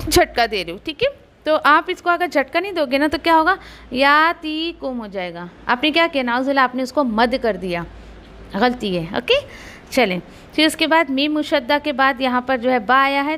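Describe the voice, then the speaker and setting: A woman teaches Quran recitation. She explains each rule patiently and says words slowly to model them, then repeats them. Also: sits high, fairly bright tone. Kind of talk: tajweed lesson with slow recitation.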